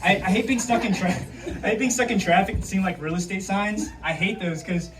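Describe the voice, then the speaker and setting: A man doing a stand-up comedy set with dry, deadpan one-liners and an understated delivery, with audience laughter between the jokes. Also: high voice, brisk. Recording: distant mic, loud background noise.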